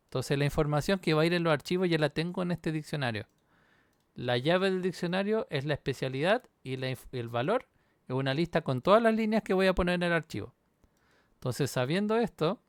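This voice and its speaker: Man, coding tutorial, gravelly, smooth close dry mic, keyboard typing. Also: a little high, no room sound. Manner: explains step by step, checks in with "¿sí?". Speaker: university instructor. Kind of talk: screen-recorded coding walkthrough.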